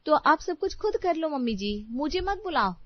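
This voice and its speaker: A woman's voice: high-pitched, sing-song, normal speed, no room sound, highs cut off, voice pushed up. A woman doing a bitter young daughter-in-law. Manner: bitter, accusing.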